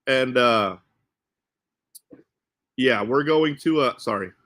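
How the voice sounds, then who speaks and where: A man's voice: medium pitch, slow pace, a bit bright. A man hosting a casual livestream, talking to viewers in a rambling way and often restating his phrases. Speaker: host of an RC car channel. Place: indoors in a cluttered warehouse.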